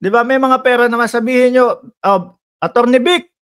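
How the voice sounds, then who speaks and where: A man's voice: very high voice, fairly even intonation, brisk, fairly bright tone, clear, resonant tone. A man from the Philippines giving casual political commentary as a vlogger, talking straight to his viewers in a teasing, sarcastic way.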